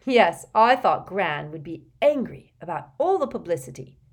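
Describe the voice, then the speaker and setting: A woman voicing an earnest, clumsy teenage boy wizard, talking loudly and eagerly. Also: on the low side, very animated, normal speed.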